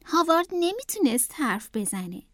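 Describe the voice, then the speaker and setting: A woman's voice: sits high, sing-song, fairly bright tone, no echo, studio quality. A young woman reading a picture book aloud to children, speaking to them directly in a sing-song way. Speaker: children's storyteller.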